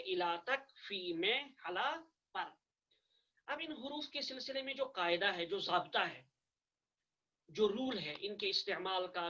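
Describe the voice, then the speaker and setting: A man's voice: high voice, bright, forceful tone, dull audio. A man teaching an online class in a patient way, repeating and spelling out each point over a video call microphone.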